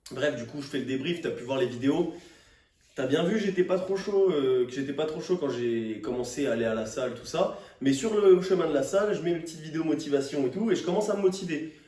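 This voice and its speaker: A man's voice: fairly high pitch, lively intonation, fast talker, dark tone. A young man venting casually to camera in slang, exasperated and ranting, with swearing. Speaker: fitness vlogger. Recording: roomy echo, distant microphone.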